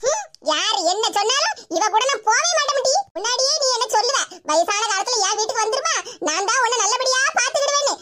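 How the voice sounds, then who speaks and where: A shrill, very high, cranky old mother for a cartoon, voiced by a woman, scolding and boastful, with a Tirunelveli Tamil accent. She takes offense fast, and loud noise hisses under her voice throughout. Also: lively intonation. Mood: indignant.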